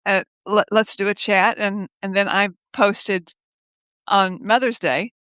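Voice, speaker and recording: An older woman speaking as a guest over a video call from her home office, telling stories in a lively way, laughing often and acting out the voices of others. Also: medium pitch, takes it slowly, no echo. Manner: lively, laughs often, acts out quoted speech. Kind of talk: casual conversational storytelling.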